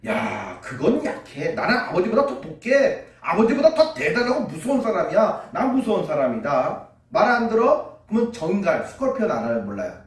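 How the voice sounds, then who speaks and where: Animated man preaching to children. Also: sits high, normal speed. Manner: animated, acts out quoted voices, asks children questions. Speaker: children's pastor. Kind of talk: children's sermon storytelling. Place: church sanctuary. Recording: echoey church from a distance.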